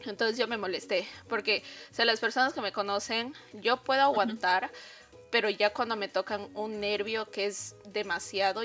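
Chatty woman telling a work story. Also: medium pitch. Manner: animated, lots of fillers and asides to listeners. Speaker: podcast guest. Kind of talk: casual storytelling.

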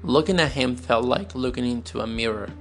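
On his phone-recorded podcast, a young man from Brazil with a mid-range voice candidly tells a personal story as soft music plays in the background. Portuguese is his first language, and his English carries a Brazilian accent. He speaks slowly, searching for his words, pausing and restarting.

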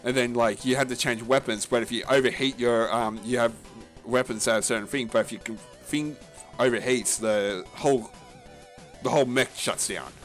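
Man, mid-pitched, casual gaming podcast co-host; rambles, restarts sentences, swears freely, faint music underneath. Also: a bit bright. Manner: rambling, halting, with many fillers and restarts; casual and profane.

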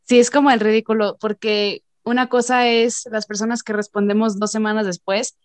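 Mexican woman podcast host: wry and joking, mid pitch, dry close mic. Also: flat delivery, normal speed, no echo. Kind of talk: casual chat.

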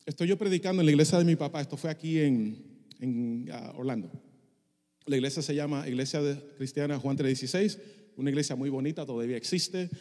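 A man's voice: on the high side, brisk, warm tone, big-room sound. A middle-aged male pastor preaching a passionate sermon, dropping English phrases into his Spanish. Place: church sanctuary.

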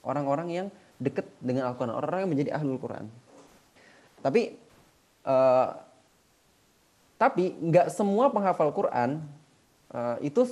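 A man's voice: mid-range voice, warm tone. A man preaching informally, telling stories animatedly in colloquial speech and reciting Quran verses in Arabic. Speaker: Islamic preacher. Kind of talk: casual religious talk.

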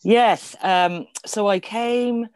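A woman's voice: mid-range voice, very slow, a little mellow, clean tone, no echo. A middle-aged woman from Devon, talking conversationally as a podcast guest. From Devon, England. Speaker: podcast guest, theatre performer. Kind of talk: conversational interview.

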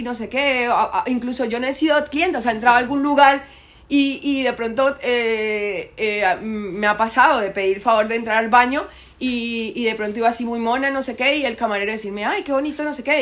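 A woman's voice: on the high side, fairly even intonation, a little fast, a bit bright. A woman talking insistently in a casual debate, repeating herself to drive points home.

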